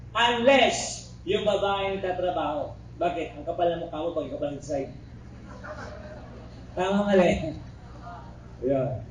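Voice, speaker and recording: A man's voice: sits high, a little mellow. A middle-aged man from the Philippines giving a criminology review lecture in a classroom. He mixes teaching with joking asides and keeps checking in with the class. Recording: echoey room recorded from far off, faint background noise.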